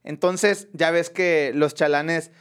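A man, a comedian and podcast host telling an anecdote in casual chat, animated and full of crude slang. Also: on the high side, slow, clear, resonant tone.

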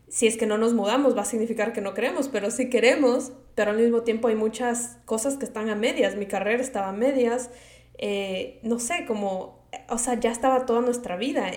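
A woman's voice: fairly high pitch, a little mellow. A woman in her twenties from Ecuador with an Ecuadorian Spanish accent, hosting a casual personal podcast monologue, chatty and rambling, slipping in English words. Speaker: podcast host. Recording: echoey room.

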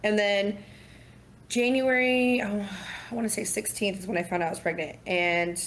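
A woman in her thirties, a podcast guest, telling a personal story in a lively way, acting out what people said and laughing often. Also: medium pitch, normal speed, slight background noise. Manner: animated, acts out quotes, laughs often. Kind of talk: casual storytelling.

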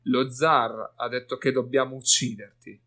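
A man's voice: mid-range voice, flat delivery, unhurried, sharp tone. A man voicing a suspicious male warrior who questions and mutters, with faint music behind. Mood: probing.

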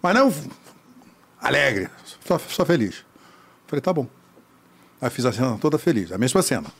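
A man telling a lively anecdote about his acting career, acting out the other people's voices. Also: mid-range voice, moderate pace, creaky, slightly rough. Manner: animated storyteller, acts out voices. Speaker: actor telling a story. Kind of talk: casual anecdote.

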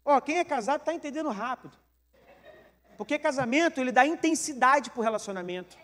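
A man with a Brazilian Portuguese accent, a pastor giving a joking, animated sermon full of questions to the congregation. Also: very high voice, fairly quick, long reverb tail.

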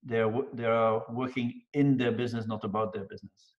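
An older man, a business mentor guest speaking in a measured, methodical way. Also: medium pitch, steady tone, lo-fi sound. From Belgium. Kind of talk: casual interview talk.

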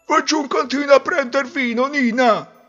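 A man's voice: high voice, big pitch swings, normal speed, faint music behind, pitched above the performer's own voice, heavily acted. A man voicing the bride's foolish, blustering father. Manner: loud, blustering calls. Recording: dull lo-fi recording.

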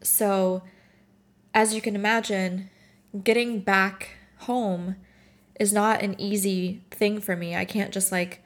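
A woman in her twenties from Morocco, tearful and tired, sharing a personal reflection and reading her own writing aloud in a halting, emotional way with frequent restarts. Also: medium pitch, fairly even intonation. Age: 20s.

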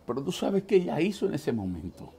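A Puerto Rican man preaches his testimony with a gravelly, husky voice that sits a little high for a man. He tells his story with feeling and keeps breaking in with short praises. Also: very animated, fairly quick, mellow. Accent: Puerto Rican Spanish. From Puerto Rico. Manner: emotional storytelling, repeats "gloria a Jesús". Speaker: pastor. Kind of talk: testimony sermon.

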